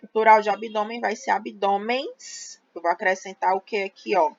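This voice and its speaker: A woman teacher, explaining a grammar lesson slowly and patiently, spelling out syllables for her students. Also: medium pitch, steady tone, creaky. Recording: slightly dull lo-fi audio.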